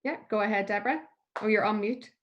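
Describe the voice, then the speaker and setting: A woman's voice: mid-range voice, muffled recording. A woman hosting an online event over a video call, thanking speakers and inviting questions. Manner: warm, grateful, brisk moderating. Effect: heard over a video call. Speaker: event host.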